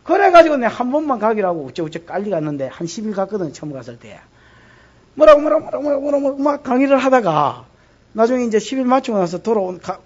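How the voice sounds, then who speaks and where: A man's voice: high voice, slightly rough, lo-fi sound. A man with a Gyeongsang accent preaching a sermon as pastor, dramatic, acting out the voices of the people in his stories. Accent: Gyeongsang Korean.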